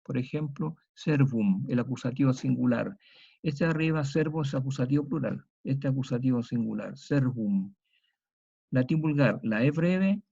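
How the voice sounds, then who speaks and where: A middle-aged male teacher gives a university lecture in a dark, mellow, creaky, mid-range voice. He works through each point methodically, repeating each example slowly and saying the key words twice. The recording sounds slightly dull and lo-fi.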